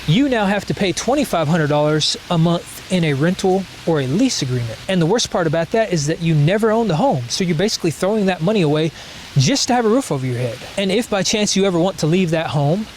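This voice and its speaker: Man, fairly high voice, steady explainer; faint hiss behind. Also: fast talker. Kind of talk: commentary clip.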